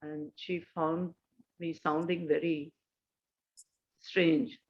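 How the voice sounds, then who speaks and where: An older woman with an Indian English accent, a podcast guest telling a personal story in a casual, halting way with many pauses and restarts. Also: sits low, level tone, muffled recording.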